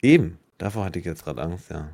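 A man's voice: low voice, lively intonation, vocal fry, darkish tone, no room sound, studio quality. A man co-hosting a casual podcast, agreeing with his partner and laughing often. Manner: agreeing, quick to laugh, short interjections. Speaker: podcast co-host. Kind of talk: casual chat.

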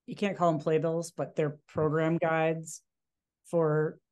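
Woman, podcast guest, lowish pitch, casual, rambling. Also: little pitch movement, slow, a little mellow. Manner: rambling, many fillers and restarts. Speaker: magazine guest. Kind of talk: casual interview chat.

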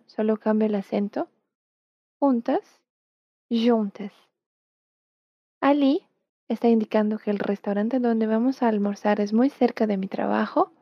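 Slow, patient woman teacher. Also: on the high side, dry recording. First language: Portuguese. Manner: patient, models words slowly for the learner to repeat. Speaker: Portuguese teacher. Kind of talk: language lesson. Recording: dull, dry, lo-fi sound.

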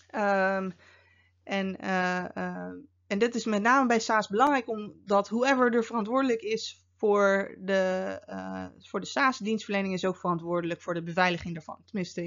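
A woman's voice: mid-range voice, muffled recording. A woman hosting a podcast, explaining security topics in a casual, conversational way with frequent fillers and wry asides. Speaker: podcast host and security officer.

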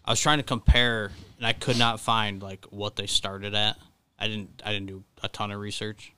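A man co-hosting a casual sports chat, relaxed and a bit rambling. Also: on the low side, normal speed, clean tone. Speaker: podcast co-host.

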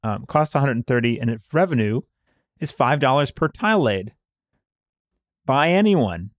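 A man of middle pitch talks through board game rules in a relaxed podcast conversation. He explains step by step, stopping now and then with fillers to recall figures. The sound is dry and close. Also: no echo. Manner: explanatory, pauses with fillers while recalling details. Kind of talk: casual board game discussion.

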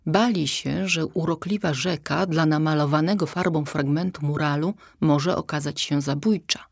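A woman reading a children's audiobook in a calm, even storytelling voice. Her voice sits fairly low, and the recording is close and dry, with no room sound. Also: moderate pace, slightly rough, no room sound. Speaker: audiobook reader. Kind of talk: scripted children's story narration.

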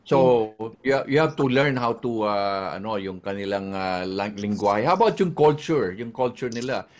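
A man's voice: lowish voice, animated, moderate pace. A man hosting a live online chat, switching between Tagalog and English and reading out the names of viewers. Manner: chatty, greets viewers by name. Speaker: host. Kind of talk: live-streamed casual chat.

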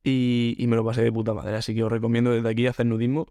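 Young man, animated comic monologue, mid-pitched voice, dry close recording. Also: fast talker, no echo. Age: young adult. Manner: animated, acts out quotes, frequent restarts. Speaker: podcast host. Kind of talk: comedic storytelling monologue.

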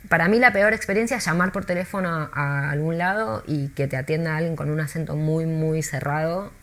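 An Argentine woman who works as a tour guide, chatting in an interview with lively, storytelling delivery and many restarts. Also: low voice, fairly quick. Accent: Argentine Spanish.

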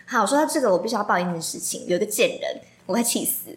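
A young woman with a Taiwanese Mandarin accent, co-hosting a casual late-night chat podcast and telling stories in an animated, teasing way. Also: medium pitch, racing. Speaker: podcast co-host.

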